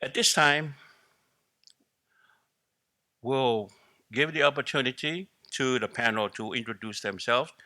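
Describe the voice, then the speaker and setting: Bright, formal panel moderator. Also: male voice, mid-range voice, unhurried, pauses often, no echo, studio quality.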